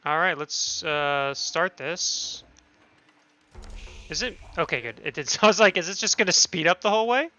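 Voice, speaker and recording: A man's voice: a little high, normal speed, pushed and bright, dry recording, highs cut off, faint music behind. A man casting an esports match on his stream, chatty and thinking aloud, often correcting himself. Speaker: streamer and caster. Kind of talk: esports commentary.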